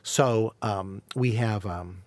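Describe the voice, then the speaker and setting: A man's voice: lowish voice, takes it slowly, a little mellow, no room sound. A man walking through an online science course on screen in a casual, rambling way, who corrects himself and jokes as he goes. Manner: rambling, self-correcting, joking, laughs often. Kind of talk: casual screen-share walkthrough.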